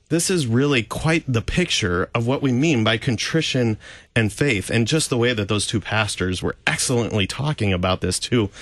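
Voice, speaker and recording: Male radio host, lowish voice, relaxed chat with fillers, dry close studio mic. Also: dry recording. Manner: conversational, many fillers and restarts. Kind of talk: radio talk show discussion.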